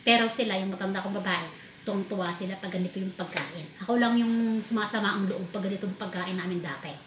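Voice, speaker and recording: A woman from the Philippines telling a food story in a casual vlog, animated and laughing as she talks. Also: medium pitch, fast. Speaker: vlogger. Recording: echoey room with faint ambient noise.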